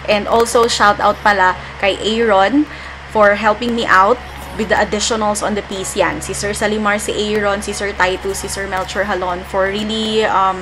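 A woman's voice: mid-range voice, low-quality recording. Young Filipina vlogger, casual and upbeat, music under her voice. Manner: chatty, upbeat. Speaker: vlogger and speaking coach. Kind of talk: casual vlog chat, mixing English and Filipino. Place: small indoor room. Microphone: phone camera at arm's length.

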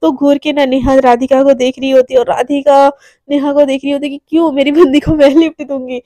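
A woman's voice: high voice, flat delivery, brisk, dark tone, dry recording. A woman narrating a romance story casually, chatty and full of fillers. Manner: chatty, with many fillers and restarts.

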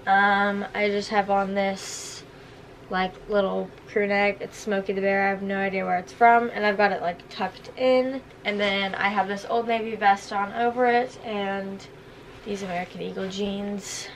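In a small indoor apartment, a young adult vlogger chats casually to the camera, her stuffy nose audible and her speech full of fillers. Her mid-range voice keeps a steady tone at a measured pace. The audio is poor, with slight background noise.

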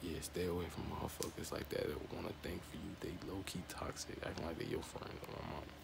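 A man whispers his commentary in a very low, gravelly voice that rasps and fries at the bottom. He rambles, repeats himself and swears freely, and a clear hiss of noise sits under the recording. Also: little pitch movement, quick pace. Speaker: vlogger reacting to an interview clip.

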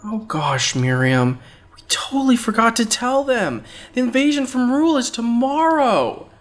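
Goofy, lively let's play host. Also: mid-range voice, measured pace. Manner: goofy and giggly. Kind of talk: playful game commentary and dialogue reading. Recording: faint game music behind.

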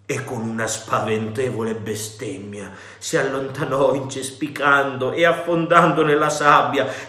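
A man reading an audiobook aloud in an expressive, theatrical manner. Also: fairly high pitch, roomy sound. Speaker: audiobook reader. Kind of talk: audiobook narration.

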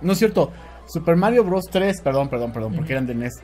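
Animated Mexican man telling stories. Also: on the high side, fast, soft background music. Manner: animated, laughs often, swears freely. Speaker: podcast host. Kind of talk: casual storytelling chat.

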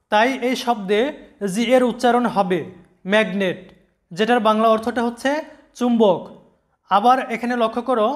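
A teacher giving a recorded pronunciation lesson, patiently repeating example words slowly and spelling out letters. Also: mid-range voice.

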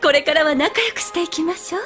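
A woman voicing a benevolent, regal pony princess in a cartoon dub, with stately, measured, formal speech. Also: very high-pitched, fairly bright tone, faint music behind. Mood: serene. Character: serene, regal, benevolent adult female alicorn princess.

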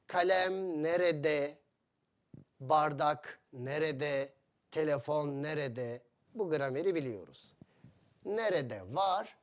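A man teaching a lesson for foreign learners, speaking in short, simple phrases and repeating each example. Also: on the high side. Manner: slow, simple phrasing with many repetitions and questions to learners. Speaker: Turkish teacher.

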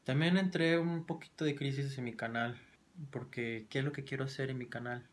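A Mexican vlogger in his twenties, speaking with a Mexican Spanish accent, rambles casually to his audience using lots of slang and a self-deprecating manner. His mid-range voice is steady and moderately paced, with a little hiss or hum on the recording.

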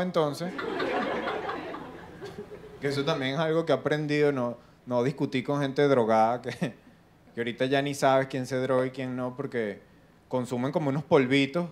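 A young man with a Venezuelan accent doing a stand-up comedy routine, animated and acting out other people's voices. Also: mid-range voice, slight background noise. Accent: Venezuelan Spanish. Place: live comedy stage with audience.

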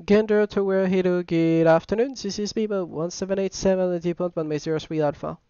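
法国口音男性飞行员，戴着耳机通话. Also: male voice, sits high, fairly even intonation, warm tone, smooth, no room sound, muffled recording. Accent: French. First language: French. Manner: halting, hesitant radio English with fillers. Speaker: flight simulator pilot. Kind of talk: radio calls and cockpit callouts over a pilot headset.

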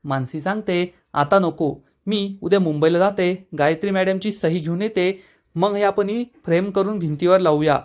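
A man with a Marathi accent narrates a recap of a television serial episode in a scripted storytelling manner. His voice sits high for a man, and he reads the characters' quoted lines without changing his voice. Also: moderate pace. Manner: steady storytelling, reading quoted dialogue in the same voice.

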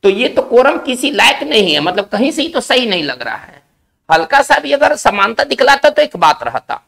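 Extremely high in pitch, very animated, creaky, pushed and bright, a man's voice guides a recorded English spelling and vocabulary lesson. He goes slowly in Hindi, one step at a time, often checking comprehension with "isn't it?".

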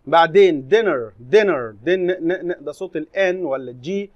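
A man with an Egyptian Arabic accent, teaching a lesson and reading English slowly before explaining it in Arabic. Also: a little high, expressive, no room sound, muffled recording. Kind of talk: recorded classroom lesson explanation.

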